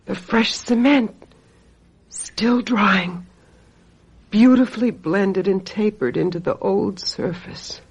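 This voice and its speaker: In an old-time radio mystery style, an actress voices a vengeful, scheming woman who calls herself a witch, using deliberate, mock-sweet menace. Her medium-pitched voice has a breathy edge, and the mood is haunted and intense.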